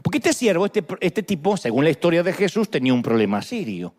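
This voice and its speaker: A man in his fifties with an Argentine accent, preaching a sermon in a lively, joking way. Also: on the high side, fast talker. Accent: Argentine Spanish. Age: 50s. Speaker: pastor.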